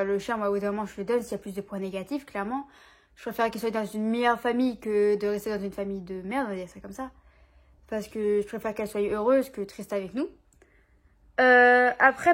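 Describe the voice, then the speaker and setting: A young woman vlogging at home, chatting casually in an informal, slangy way with lots of fillers. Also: fairly high pitch. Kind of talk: casual chat. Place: at home with her dog.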